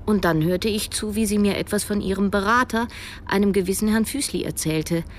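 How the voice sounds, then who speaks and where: Playing a broke young woman full of self-doubt, the same early-thirties actress narrates and leads the radio drama with reflective, wry, literary delivery. Her mid-range voice sounds natural and moves briskly over music, with slight background noise.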